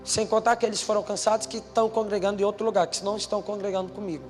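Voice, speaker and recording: A young Brazilian man preaches to a crowd of teens, acting out every line of dialogue in his story. His voice sits high and jumps from hushed asides to shouts. Long hall reverb trails his words over faint background music. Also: little pitch movement, very fast. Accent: Brazilian Portuguese. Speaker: youth preacher. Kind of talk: preaching at a youth conference.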